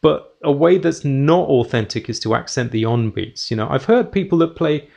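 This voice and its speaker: A man's voice: medium pitch, animated, normal speed, gravelly, darkish tone. A man from the UK teaching a jazz lesson, explaining technique and counting beats aloud while playing piano. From United Kingdom. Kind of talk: music lesson.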